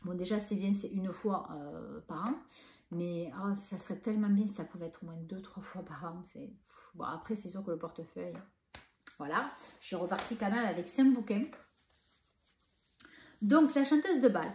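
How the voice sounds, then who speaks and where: A woman's voice: fairly low pitch, moderate pace, a little mellow, echoey room, a little hiss or hum. A woman from southern France with a southern French accent, chatting enthusiastically about books she has read, with many hesitations. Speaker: book vlogger. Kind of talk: casual book review.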